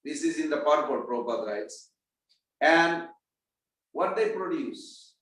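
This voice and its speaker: A man teaches a scripture class in a casual, conversational way, quizzing his listeners and chanting verses. His voice is fairly high and a bit bright, with lively intonation and a slightly slow pace. The room echoes and the mic sits far away.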